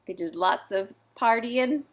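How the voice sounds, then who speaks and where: Slow, gentle children's book reader, woman. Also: on the high side. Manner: pauses to explain the story to young listeners. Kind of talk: read-aloud storytime.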